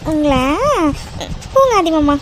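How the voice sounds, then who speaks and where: A woman's voice: sits high, big pitch swings, measured pace, a little hiss or hum. A woman voicing a naive, shy young wife in a cartoon romance, innocent and pouting. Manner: innocent, pouting, easily tearful.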